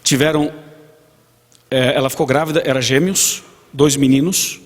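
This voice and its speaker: In a church hall with long reverb, a Brazilian-accented man preaches at normal speed in a steady, medium-pitched voice. His sermon features stories, dramatized dialogue, and questions posed to the congregation.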